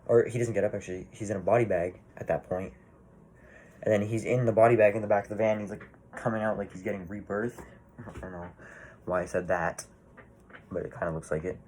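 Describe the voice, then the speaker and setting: Male movie reviewer, low voice, casual rambling delivery, swears often. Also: fairly even intonation, fairly quick, pauses often, darkish tone, slight background noise. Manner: rambling, swears freely, many fillers and restarts.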